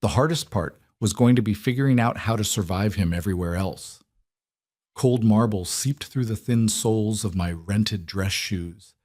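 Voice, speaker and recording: A man narrating a first-person romance story in a steady, even reading. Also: fairly low pitch, normal speed, dry recording, clean studio sound.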